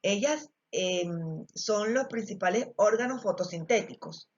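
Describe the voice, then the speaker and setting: A woman with an Ecuadorian Spanish accent teaches a biology class in a recorded lesson, explaining step by step with frequent fillers and check-ins with the students. Her mid-range voice has lively intonation and an unhurried pace, captured in a dull lo-fi recording.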